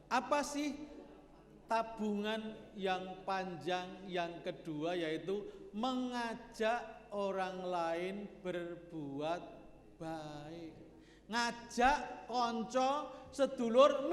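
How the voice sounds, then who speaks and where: Folksy Javanese-accented preacher in an echoey hall. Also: male voice, high voice. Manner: folksy, joking with the congregation, mixing in local speech. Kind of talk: Sunday morning mosque sermon. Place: mosque hall. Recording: echoey mosque hall, long reverb.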